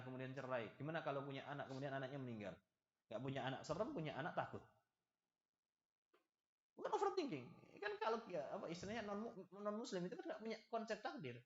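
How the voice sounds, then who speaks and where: Male preacher for a lecture: animated, joking, acts out small dialogues; slightly high voice, echoey muffled room. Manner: lively, acts out little dialogues and jokes with the audience. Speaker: preacher giving a study lesson. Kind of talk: religious study lecture. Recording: echoey, slightly dull hall recording.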